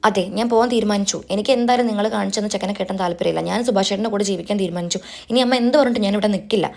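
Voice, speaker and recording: A defiant young woman from a serial, stubborn and insistent as she stands up to her mother, read out by a woman. The lines come very fast, at an ordinary middle pitch. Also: creaky, darkish tone, lightly acted.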